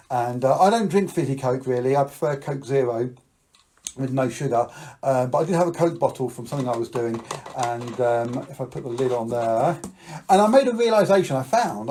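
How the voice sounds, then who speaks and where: A man's voice: mid-range voice, dark tone. A middle-aged British man hosting a live magic show for children, talking like a kids' party magician and urging the audience to join in.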